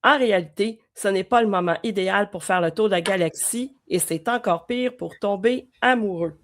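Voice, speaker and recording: A woman's voice: medium pitch, normal speed. A woman with a Québécois French accent co-hosting a podcast, chatting with short replies and reading a summary aloud with care. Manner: brief agreeing replies, careful reading. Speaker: podcast co-host. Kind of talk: casual chat and reading aloud.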